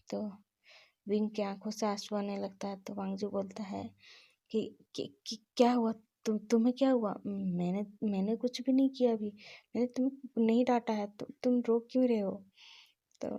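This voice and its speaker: A woman casually retelling a romance story, speaking softly and haltingly, sometimes dropping to a half-whisper. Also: mid-range voice, vocal fry. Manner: soft, halting, many repeats, half-whispered at times.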